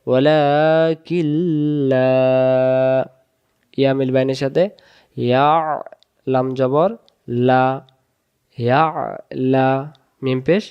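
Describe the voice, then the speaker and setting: Male Quran tutor, slow syllable-by-syllable recitation lesson, crisp resonant voice, muffled lo-fi class recording. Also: medium pitch, steady tone. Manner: sounds out Arabic syllables one at a time, then joins them. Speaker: Quran teacher.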